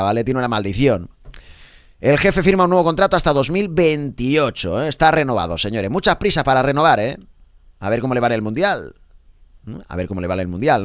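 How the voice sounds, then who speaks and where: A man's voice: no echo, clean studio sound. A man from Spain hosting a sports newspaper review, chatting casually and tagging lines with "¿eh?". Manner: chatty, tags lines with "¿eh?", drops to low asides. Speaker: sports press review host. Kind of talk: casual commentary on newspaper covers.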